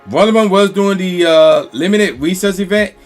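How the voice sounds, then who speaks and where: A man's voice: sits high, normal speed, faint music behind. A man hosting a casual livestream chat, reading viewer comments aloud and losing his voice a bit. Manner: reads viewer comments aloud, loose and chatty. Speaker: livestream host.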